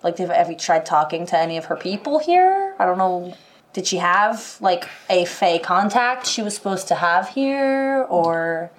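Playful woman player, unhurried, lively pitch, faint hiss. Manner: playful, giggly. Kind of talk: tabletop game chat.

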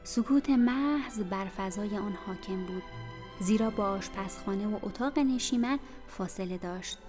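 A woman narrating an audiobook in a measured, literary reading style. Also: medium pitch. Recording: reverberant room with faint music.

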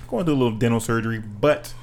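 A man's voice: medium pitch, expressive, fast talker, a little mellow. A man in his thirties hosting a podcast in casual, slangy, profane chat, with a whistling s from a missing tooth. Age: 30s. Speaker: podcast host. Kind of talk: casual chat about movies. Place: podcast studio.

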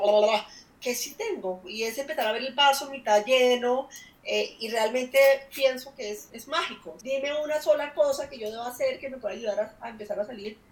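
A woman hosts a conversational interview. Her voice is fairly high, and she talks in a reflective, earnest way. The recording carries a noticeable room echo. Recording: echoey room.

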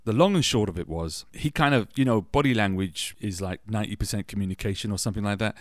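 A middle-aged man with a British accent chats his way through personal anecdotes as a podcast host. His voice sits fairly low, and he drops in wry jokes at his own expense. The sound is close and dry, with no room around it. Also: fast talker, dry recording. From England. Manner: chatty and anecdotal, with wry self-deprecating asides. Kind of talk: casual personal storytelling.

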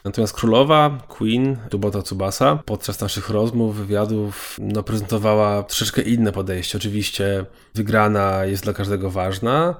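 A man being interviewed as a documentary maker, explaining things in a measured, detailed way. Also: fairly low pitch, fairly even intonation. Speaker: documentary filmmaker guest.

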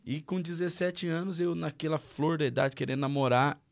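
A man's voice: on the high side, moderate pace, gravelly. Brazilian man telling his story. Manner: lively storyteller acting out dialogue. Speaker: guest. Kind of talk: casual testimony.

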